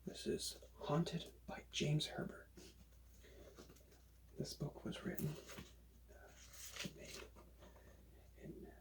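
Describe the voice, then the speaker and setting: A man in a whispered role-play speaks as a librarian in a hushed, breathy library whisper, thick with gravelly fry. His voice sits a little high for a man, and clear noise runs behind it. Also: flat delivery, slow pace, pauses often. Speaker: librarian recommending books in an ASMR roleplay.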